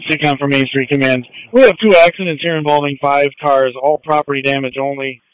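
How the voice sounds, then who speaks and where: A man working as a fire officer, giving brisk, matter-of-fact reports over two-way radio. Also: fairly high pitch, steady tone, no echo, rough recording.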